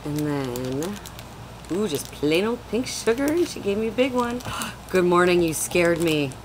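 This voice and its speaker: Young woman vlogger, low voice, chatty and rambling, noisy webcam audio at home. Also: very animated, unhurried. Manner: chatty, rambling, many fillers. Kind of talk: casual product haul chat. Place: small room at home, indoors. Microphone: webcam at desk.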